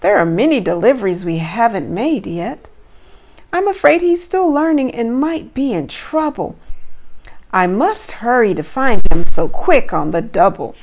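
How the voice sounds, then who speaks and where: Woman voicing flustered old Santa, animated storybook style. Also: a little high, a little slow, exaggerated voice. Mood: worried, upset. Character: flustered old jolly Santa Claus, aging and worried. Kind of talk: children's storybook read-aloud.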